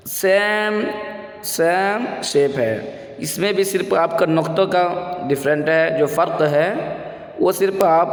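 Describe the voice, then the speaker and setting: A man's voice: a little high, a little mellow. A man teaching beginners Arabic letters for reading the Quran. He explains each letter and has listeners repeat after him, and he stretches and sings out the letter sounds. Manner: drawn-out sung letter sounds for repetition; mixes English words into explanations. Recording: echoey room with long reverb.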